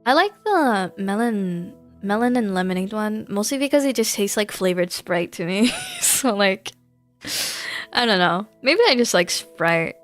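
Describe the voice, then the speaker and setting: Background music accompanies a woman live streamer who rambles and giggles through casual chat while gaming. Her voice is medium-pitched and animated, delivered a little slowly.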